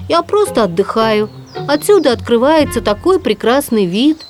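A hungry little bear who grumbles and mutters to himself, as a woman reading the story voices him. His voice sits a touch high and plaintive. Soft music plays behind. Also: big pitch swings, normal speed. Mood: grumbling.

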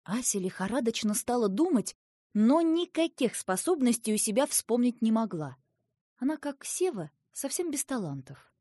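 A woman narrating a children's story as an audiobook, with expressive storytelling. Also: on the high side, normal speed, no echo, clean studio sound.

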